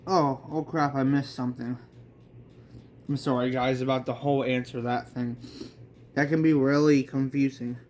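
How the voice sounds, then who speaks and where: Reading through a manga story he made himself, a man goes off on casual, rambling tangents and swears now and then in this amateur read-along. His mid-range voice is steady and a little mellow at a normal speed, with a little hiss or hum underneath.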